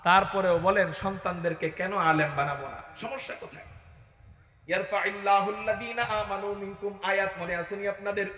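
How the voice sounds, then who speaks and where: A male preacher delivering an impassioned sermon to a crowd at an open field gathering, rising to shouts and chanting verses. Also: high-pitched, steady tone, normal speed, roomy sound, big-room sound, soft background music.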